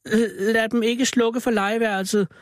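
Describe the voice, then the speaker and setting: Bratty whiny kid, as a guy puts him on, high voice, dry sound. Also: flat delivery, no echo. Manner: whiny, bitter. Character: spoiled, hateful young boy.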